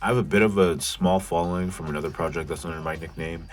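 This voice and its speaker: Low nasal young man vlogging. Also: steady tone, fast talker, faint music behind. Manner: casual, self-mocking, bursts into loud rants. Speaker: YouTube channel host. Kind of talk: scripted vlog narration.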